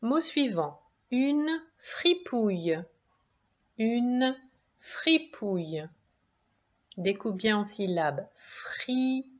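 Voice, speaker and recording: Slow, careful woman teaching spelling. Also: fairly high pitch, animated. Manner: encouraging. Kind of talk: spelling dictation lesson for young children. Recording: dull lo-fi sound.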